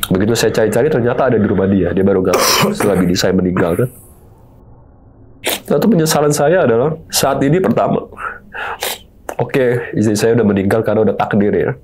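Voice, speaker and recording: Middle-aged man, low husky voice, confessional storytelling, earnest and pleading. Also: brisk, pauses often, a little mellow. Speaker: guest telling his story.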